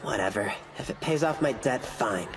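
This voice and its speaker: An actor playing an earnest teenage schoolboy who sees spirits, flustered and quick to scold himself, in an anime dub. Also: male voice, medium pitch, expressive, lightly acted. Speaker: high school student. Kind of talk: anime English dub acting. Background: background score.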